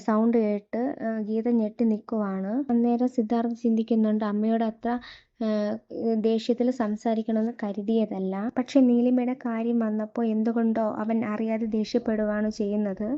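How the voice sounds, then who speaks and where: Woman narrator, serial recap; monotone delivery, lo-fi sound. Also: on the high side, normal speed. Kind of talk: scripted story retelling.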